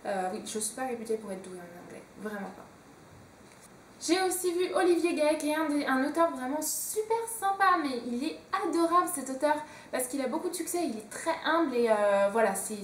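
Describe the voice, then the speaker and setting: A woman's voice: sits high, expressive, a little fast, distant mic, slight background noise. A young woman chatting casually as a book vlogger, hesitant and full of fillers. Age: young adult. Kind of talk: casual chat. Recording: echoey room, a bit off-mic.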